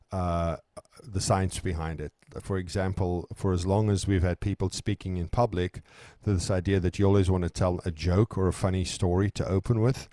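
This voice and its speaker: A man's voice: low voice, warm tone, no room sound, clean studio sound. A man born in South Africa, co-hosting a parenting discussion and talking things through thoughtfully with frequent restarts. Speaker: podcast co-host. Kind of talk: conversational discussion.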